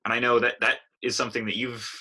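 Introducing his guest in a casual interview, this male podcast host sounds warm but hesitant, leaning on "uh" to fill gaps. His voice is medium-pitched and level with a breathy edge, and he talks fast.

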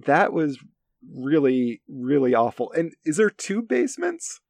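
Creaky-voiced man in halting casual film chat. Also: on the high side, sing-song, a little mellow, no room sound, studio quality. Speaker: podcast co-host. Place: home basement. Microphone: recorded at his end of an internet call.

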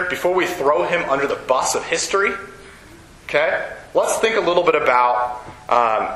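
A man's voice: mid-range voice, sharp tone. A man giving a conversational, joking sermon as a preacher, often checking in with his listeners. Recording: echoey room.

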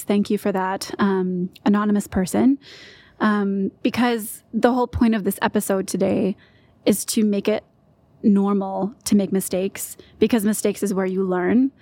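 A woman's voice: medium pitch, a little mellow, no echo. A young woman with a Canadian accent, co-hosting a casual podcast as a medical student, chatty with lots of fillers and laughter. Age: young adult.

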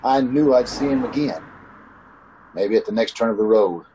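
This man's mellow, medium-pitched voice is expressive and close to how he'd normally talk as he plays an uneasy, haunted driver recounting his ordeal. The old-time radio suspense piece, full of brooding dread, was captured over a video call with a rough sound and obvious background noise. He moves at a moderate pace, brooding through the narration and stammering hesitantly in the dialogue.

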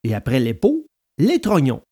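Lively male storybook narrator. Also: mid-range voice, moderate pace, breathy edge. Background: soft guitar music.

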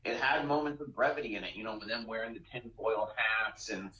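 A man co-hosting a podcast in casual movie chat, animated and swearing casually as he acts out lines. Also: on the low side, brisk. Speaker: podcast co-host. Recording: roomy, dull lo-fi sound.

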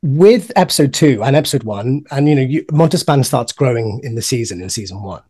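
A man's voice: medium pitch, lively intonation, brisk, darkish tone, husky. A man co-hosting a podcast, telling long rambling anecdotes in casual chat. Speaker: podcast co-host.

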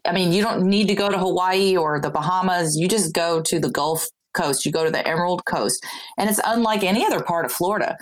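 A woman with a notably low voice talks as a guest in a casual interview. She is a singer-songwriter from Texas. She rambles warmly through her story, restarting sentences and dropping in fillers as she goes. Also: brisk, rough recording.

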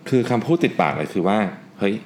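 Deep-voiced man hosting a solo talk. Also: big pitch swings, racing, a little mellow, slight background noise. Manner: earnest, emphatic, repeats key points. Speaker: podcast host.

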